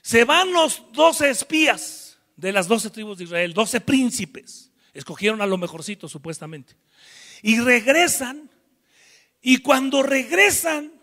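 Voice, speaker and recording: High, gravelly preacher. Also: male voice, unhurried, in a large hall. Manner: animated, acts out the voices of Bible figures. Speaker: pastor. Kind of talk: sermon. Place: church.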